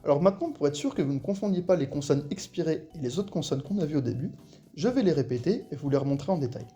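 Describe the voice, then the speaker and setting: A language teacher giving a patient, step-by-step lesson, repeating sounds slowly for the listener to copy. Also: medium pitch, animated, dark tone, soft background music. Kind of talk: explanatory lesson voice-over.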